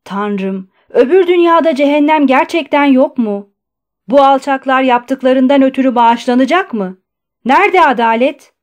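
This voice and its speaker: A woman voicing a shouting, furious inmate. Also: high voice, a little slow, pauses often. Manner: shouting, indignant. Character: furious male asylum inmate, defiant and shouting.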